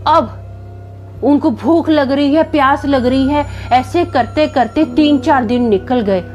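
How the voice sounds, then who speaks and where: A woman's voice: high-pitched, slow pace, dull audio, faint music behind. A woman animatedly retelling a family ghost story, acting out the scenes as she goes. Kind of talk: spoken ghost story in Hindi.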